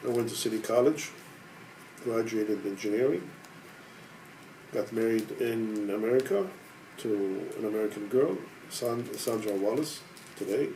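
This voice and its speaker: A man in his sixties from Israel, an organization head telling his personal story in a measured, hesitant way with frequent pauses. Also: on the low side, mellow, a little hiss or hum, low-quality recording. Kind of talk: personal testimony.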